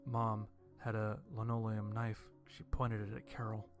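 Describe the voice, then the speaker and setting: A man narrating a first-person horror story in a dry, deadpan way. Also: lowish voice, measured pace, over music.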